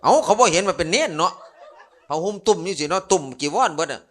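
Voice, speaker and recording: A man's voice: high voice, quick pace, fairly bright tone. A man who is a Buddhist monk, speaking with a Northeastern Thai Isan accent and giving a humorous Dharma sermon full of jokes, stories and playful asides to the listeners. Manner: joking, storytelling, playful asides to the audience.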